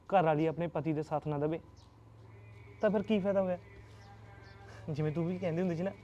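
A man's voice: on the high side, dark tone, dull audio, slight background noise, close to an everyday voice. An actor with a Punjabi accent playing a young jobless husband who pleads and reassures his wife in a short film.

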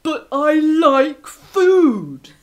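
Woman doing a loud, greedy male wolf. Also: big pitch swings, heavily acted. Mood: whiny. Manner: loud, slow, booming demands. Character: greedy hungry male wolf, big and grinning.

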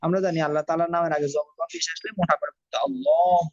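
Woman teacher slowly drawing out recitations. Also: deep voice, little pitch movement, a little mellow, no echo. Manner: slow drawn-out recitation between quick explanations. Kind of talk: online religious lesson. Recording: dry, dull lo-fi audio.

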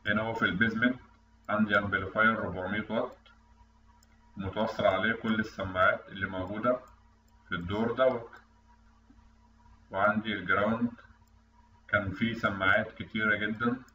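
Over a screen recording, a male online instructor with an Egyptian accent explains technical material in steps. He sounds lowish, steady and fairly quick, pausing often, with a bright, forceful tone; the audio is roomy, dull and faintly noisy from a distant mic.

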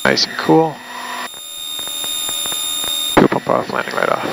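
A man flying a small plane, calmly calling out checks and radio calls through his pilot's headset in the cockpit. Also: mid-range voice, slow, gravelly. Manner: calm, matter-of-fact checklist callouts. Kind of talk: talking through a flight while flying. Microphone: pilot's headset mic. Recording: loud engine noise in the cockpit.

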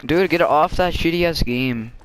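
A man's voice: fairly high pitch, normal speed, a little hiss or hum. A young man teasing his friends over voice chat while they play a shooter. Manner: teasing, swears a lot, switches into Spanish. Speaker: gamer. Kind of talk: casual gaming chat.

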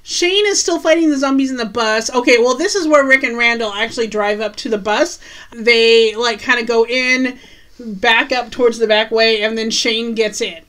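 A woman co-hosting a podcast, casually recapping a TV episode in a chatty way with quick asides. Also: fairly high pitch, fairly even intonation, fairly bright tone. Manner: chatty, recounts scenes with quick asides and laughs. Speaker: podcast co-host.

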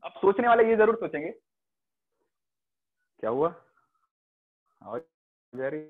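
A man's voice: fairly high pitch, very animated, a little slow. Indian man teaching biology over a call. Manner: mixes Hindi and English, asks students checking questions. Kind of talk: online class lecture. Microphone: video call. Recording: phone-like online class audio.

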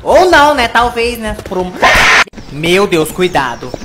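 A woman hosting a reaction video, excitedly yelling warnings and advice at what she watches. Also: mid-range voice, a little slow, over loud music. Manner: excitable, yells advice at the screen. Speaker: reaction channel host.

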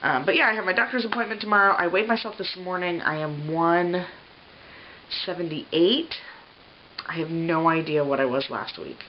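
A pregnancy vlogger in her thirties, her voice on the low side and at normal speed, rambles casually to camera with many fillers from her bedroom. She's stuffy, scratchy-voiced and short of breath. Slightly dull home video with faint hiss comes from a camera on a tripod at medium distance.

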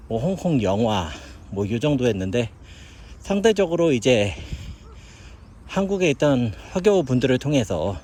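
A man's voice: medium pitch, darkish tone. Chatty Korean man musing on a hike. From South Korea. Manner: chatty, musing aloud while hiking. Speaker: vlogger living in China. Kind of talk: casual walking commentary. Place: outdoors on a hillside park.

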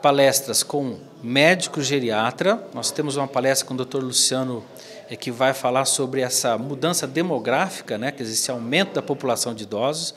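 A man in his forties, a physiotherapy professor, giving measured interview answers into a handheld mic indoors, often tagging "né". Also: mid-range voice, a bit bright. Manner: measured, explanatory, frequent "né". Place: indoor office corner by a plant.

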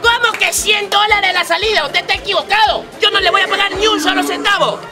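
Street comedy granny, played by a man: very high voice, excitable, protesting, loud music and crowd behind. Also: a little fast, far from the mic. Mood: indignant. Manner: excitable, protesting, repeats words. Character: feisty old granny in the circus audience. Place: outdoor street amphitheatre with audience.

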